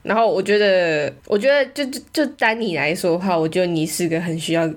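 A woman's voice: lowish voice, fairly quick. A young woman, chatting casually in an indignant, complaining way. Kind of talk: casual chat.

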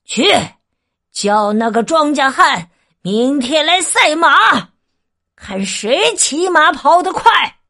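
A woman's voice: sits high, sing-song, slow pace, sharp tone, pitched above the performer's own voice, full character voice. A woman voicing a greedy, hot-tempered male emperor in a storybook reading, sounding bossy and commanding. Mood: angry, commanding.

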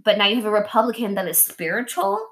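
Speaking quickly in a mid-range voice, a woman hosts her podcast from the kitchen table. She tells things straight and swears freely, animatedly acting out both sides of every conversation she describes. The talk is casual and candid.

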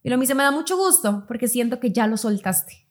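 A young woman, chatting casually on a podcast and acting out quoted dialogue as she tells a personal story. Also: animated. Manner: storytelling, acts out quoted dialogue in quick higher tones. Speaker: podcast co-host. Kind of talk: casual chat.

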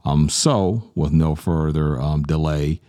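A man's voice: a bass voice, slow pace, dark tone. A man from Virginia hosting a podcast, talking casually and earnestly about his album with plenty of filler sounds. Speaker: podcast host and music producer.

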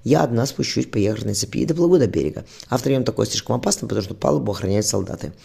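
A man reading a brave, practical woman who is a ship's surgeon and mother, calm and caring, in a spoken storybook. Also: fairly low pitch, rapid-fire, creaky, breathy edge, full character voice. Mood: tender.

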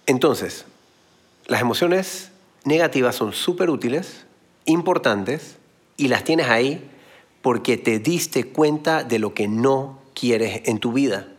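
A man's voice: mid-range voice, animated, slow pace, husky. A man giving a motivational talk, explaining with everyday analogies and blunt slang. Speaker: motivational speaker.

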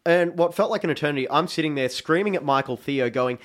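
A man talking football with friends in a casual podcast chat. His voice sits a little high, and he gets animated as he retells the big moments. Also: quick pace. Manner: excited storytelling, animated retelling.

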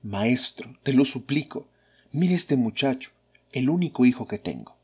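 A desperate father begs for help for his only son in a scripture reading, voiced by a male reader. The voice is husky and pleading. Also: medium pitch, lively intonation, normal speed. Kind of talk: scripture reading of spoken lines.

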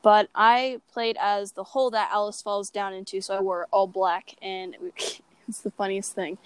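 In a clean recording, a young woman speaks at a normal speed in a mid-range voice with little pitch movement. She co-hosts a podcast and, in casual chat, shares personal stories in a playful, exclamatory, self-mocking manner; she's from Oklahoma, United States.

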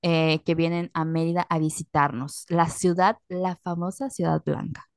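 A woman with a Yucatecan Spanish accent, sick with a cold, co-hosting a podcast in a chatty, relaxed, slangy way. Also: on the low side, normal speed, no room sound, clean studio sound. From Yucatán, Mexico. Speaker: podcast co-host. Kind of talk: casual chat.

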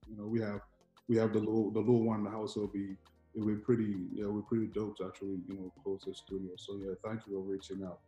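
A man's voice: fairly low pitch, level tone, fast talker, warm tone, muffled recording. A man hosting an interview, asking loose, slangy questions. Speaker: interview host. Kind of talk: casual interview chat. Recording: echoey room with faint music.

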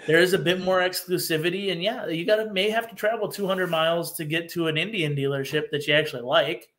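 A man from Wisconsin talks as a podcast guest. His voice sits a touch high, and he explains things earnestly and at length, often restarting his sentences. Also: fast, a bit bright, slight background noise. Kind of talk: casual podcast chat.

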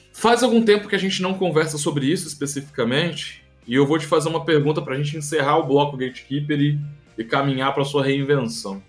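A man from Brazil hosting a conversational talk show, speaking in a reflective, emphatic way with casual slang. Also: mid-range voice. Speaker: podcast host. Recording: faint music underneath.

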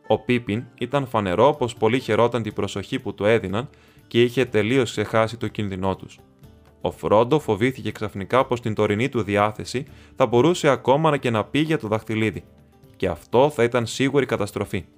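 Low-voiced man reading a novel aloud. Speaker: audiobook reader. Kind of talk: scripted novel narration.

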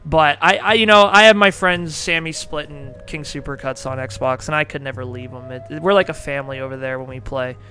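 A man's voice: on the high side, brisk, hardly any pauses, sharp tone. A young man hosting a podcast in casual chat, rambling, laughing often and swearing casually. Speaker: podcast host.

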